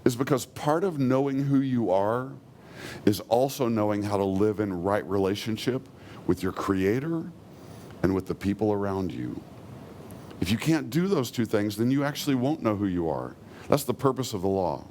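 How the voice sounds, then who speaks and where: Male pastor, sermon delivery, low voice, earnest, faint rumble in the room. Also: lively intonation. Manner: earnest preaching, slows and softens when quoting God.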